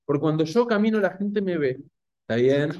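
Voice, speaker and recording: A man with a Rioplatense Spanish accent giving a Torah class to an audience, animated and full of rhetorical questions. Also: on the high side, brisk, no echo, lo-fi sound. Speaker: rabbi or Torah teacher.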